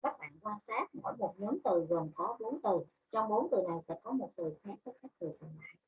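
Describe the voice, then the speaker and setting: A woman's voice: mid-range voice, animated, brisk, phone-quality sound, a little hiss or hum. A woman English teacher with a Vietnamese accent, giving a class, spelling words out letter by letter and explaining in Vietnamese. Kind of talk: online class lesson.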